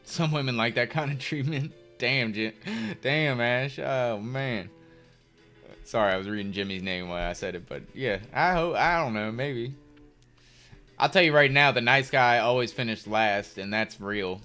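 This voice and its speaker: A young US man chats on his chess stream in a mid-range, sharp voice at a measured pace. The talk is easygoing and wandering, sprinkled with fillers, and faint background music runs throughout.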